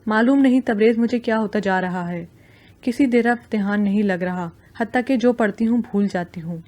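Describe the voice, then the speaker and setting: A woman's voice: medium pitch, darkish tone, lightly acted. A woman voicing an anxious, lovesick young female student who speaks hesitantly and fretfully.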